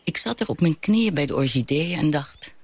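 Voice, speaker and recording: An actor voicing a grown child who wistfully looks back on a childhood home, in a radio drama. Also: male voice, a little high, animated, moderate pace. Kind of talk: reflective radio drama narration.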